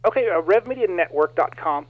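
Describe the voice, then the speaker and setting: Brief: folksy, animated preacher guest, fairly high voice, dull lo-fi sound. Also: male voice, brisk. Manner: animated, folksy, laughs often. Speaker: minister and guest. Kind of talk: casual storytelling interview.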